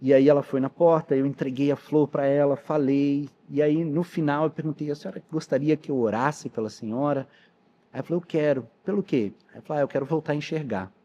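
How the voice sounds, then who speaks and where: A man's voice: fairly high pitch, brisk, mellow, highs cut off. A man, a pastor and missionary telling his testimony in a podcast interview with earnest storytelling. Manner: storytelling, earnest, quotes dialogue.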